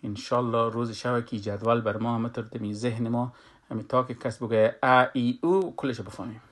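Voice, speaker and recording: A man teaches Quran pronunciation at a middle pitch. He sounds each Arabic word out slowly and with force, repeating it, then explains the rule in quicker everyday speech. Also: fairly even intonation. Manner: demonstrates Arabic words slowly and loudly, then explains briskly. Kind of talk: tajwid lesson.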